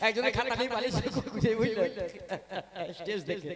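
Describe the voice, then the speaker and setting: A man's voice: high-pitched, a little fast, a loud crowd. A man from performing a folk kobigan on stage, telling a moral story and preaching in rhythmic chanted refrains. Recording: loud tabla and music behind.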